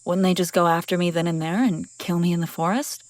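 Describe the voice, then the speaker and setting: A woman with a fairly low, steady, darkish voice plays a commanding, wry escaped princess in an immersive audio roleplay, voicing one side of a dialogue. She speaks briskly, dramatically and expressively right to the listener, sounding puzzled and probing, lightly acted on a recording with no echo.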